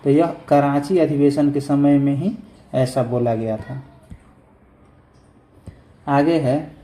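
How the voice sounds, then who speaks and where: A man's voice: mid-range voice, steady tone, slow pace, mellow, reverberant. A man giving an exam revision lesson, reading each question aloud and saying every answer twice. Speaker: teacher.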